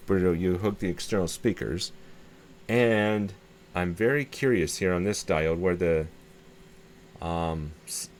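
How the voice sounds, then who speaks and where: A man with a deep, darkish voice hosts a hobbyist video in which he repairs a radio. He chats casually and tentatively through the demonstration, reasoning out loud and repeating himself often, with background noise clearly heard.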